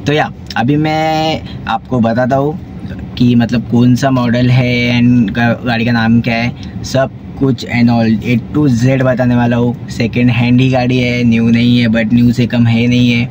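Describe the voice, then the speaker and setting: A man's voice: mid-range voice, level tone, a little slow, highs cut off. A young man, chatting casually to his camera as a vlogger, rambling with many fillers and repeats, filmed on a phone in a parked car. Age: young adult. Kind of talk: casual vlog talk to camera. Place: inside a parked small car, daytime. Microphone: phone camera at arm's length. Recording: noisy phone video in a car.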